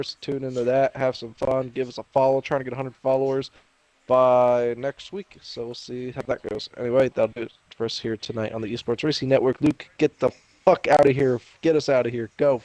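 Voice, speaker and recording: A mid-pitched man hosts a racing stream in a loose, jokey way, casually swearing as he signs off. His voice is dry and close to the mic. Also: little pitch movement, brisk, darkish tone, no echo. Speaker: esports racing commentator, host. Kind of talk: casual broadcast commentary.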